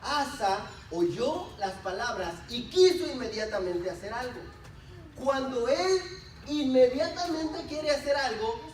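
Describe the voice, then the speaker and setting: A male pastor preaching a sermon, switching between loud declarations and quiet asides and drawing out words he wants to stress. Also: high-pitched, far from the mic. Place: church sanctuary. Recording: echoey room, voice from off-mic, faint background noise.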